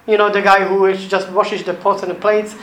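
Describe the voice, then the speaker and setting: A man's voice: high voice, little pitch movement, fairly bright tone, slight background noise. A man gives his testimony in informal, English, in short phrases left open for an interpreter. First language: not English. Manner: informal, non-native phrasing in short bursts. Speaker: guest preacher. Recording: echoey room.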